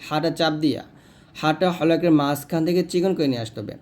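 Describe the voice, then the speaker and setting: A man teaching Quran reading, spelling out letters and vowel marks one by one. He gives quick explanations, then recites the verses slowly and drawn out. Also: a little high, darkish tone. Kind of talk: step-by-step recitation lesson.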